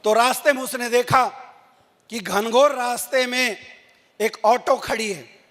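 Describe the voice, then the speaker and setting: A man's voice: very high voice, measured pace. A man giving a motivational stage speech, telling a story and acting out its dialogue. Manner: animated storyteller who acts out dialogue. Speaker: motivational speaker. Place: large event hall. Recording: long hall reverb.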